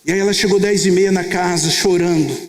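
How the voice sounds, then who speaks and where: High-voiced pastor in an echoey hall. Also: male voice, fairly even intonation, brisk. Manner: storytelling, acting out both sides of dialogues. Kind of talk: testimony sermon. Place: conference church hall.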